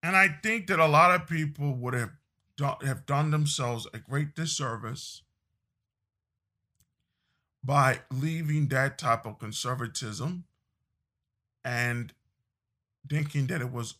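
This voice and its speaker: Slow, bright-voiced male political commentator. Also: medium pitch. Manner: slow, emphatic, repeats phrases and restarts. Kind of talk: opinion monologue.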